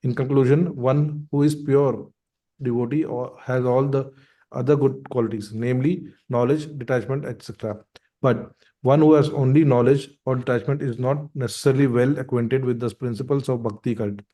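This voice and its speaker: Mellow-voiced man reading commentary. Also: medium pitch, fairly even intonation, normal speed. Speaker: reader. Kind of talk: reading scripture commentary aloud. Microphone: video call.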